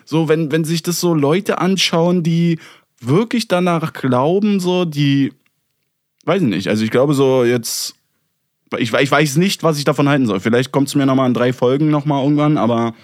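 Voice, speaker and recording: A man hosting a podcast in casual chat, animated and rambling, with many restarts and fillers. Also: a little high, normal speed, no room sound, clean studio sound. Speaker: podcast host.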